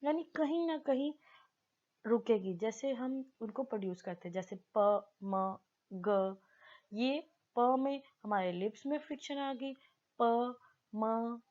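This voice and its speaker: A woman teaching basic grammar, explaining in Hindi-Urdu and slowly reading definitions aloud. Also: a little high, darkish tone, lo-fi sound. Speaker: English teacher.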